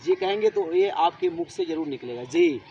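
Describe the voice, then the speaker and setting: Male teacher, high-pitched, drilling a class with repeated questions; faint outdoor noise behind. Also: animated, normal speed, dark tone, lo-fi sound. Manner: repetitive, asks students questions. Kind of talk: classroom grammar lesson.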